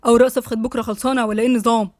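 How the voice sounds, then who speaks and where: A woman voicing a stern, commanding man with an Egyptian accent, lowering her voice and speaking curtly. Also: level tone, very fast, no room sound, clean studio sound, natural voice. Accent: Egyptian Arabic. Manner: firm, curt.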